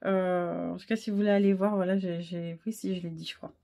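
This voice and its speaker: A woman in her thirties chatting casually in a knitting vlog, a little hoarse, rambling and self-deprecating, full of fillers and restarts. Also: on the low side, flat delivery, brisk, dark tone. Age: 30s. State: a bit hoarse, frog in the throat. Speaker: wool dyer and knitting podcaster.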